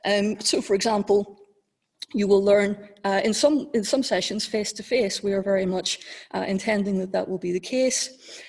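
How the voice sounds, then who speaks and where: A woman, a university director of education, explaining to new students how teaching will work, clear and explanatory with occasional ums. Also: mid-range voice, normal speed, a little mellow. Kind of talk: informative address to new students.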